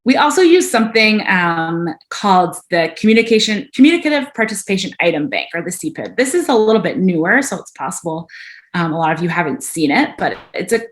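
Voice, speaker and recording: A woman speech-language pathologist explaining clinical speech tests in a webinar lecture, with a clear teacherly manner and frequent ums. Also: fairly low pitch, sing-song, fairly quick.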